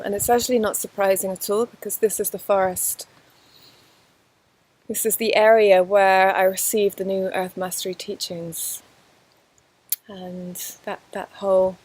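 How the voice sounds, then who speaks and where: A woman giving a spiritual course lesson outdoors in a forest, talking earnestly to the camera in a flowing way with frequent restarts. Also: medium pitch. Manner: earnest, flowing, with many restarts and soft laughs. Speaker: spiritual teacher. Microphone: camera facing the speaker.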